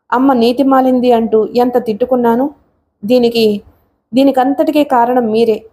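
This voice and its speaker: A woman's voice: a little high, dark tone, lightly acted. Woman voicing an enraged young man. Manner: accusing, impassioned tirade. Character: tall young man, bitter and furious.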